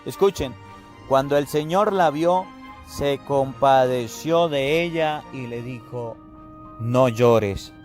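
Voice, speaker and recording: A male priest delivering a sermon in an impassioned, pleading way, piling up repeated phrases. His voice sits slightly high and he takes his time. A faint music bed plays behind him. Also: takes it slowly. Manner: impassioned, repetitive preaching with rising emotional appeals.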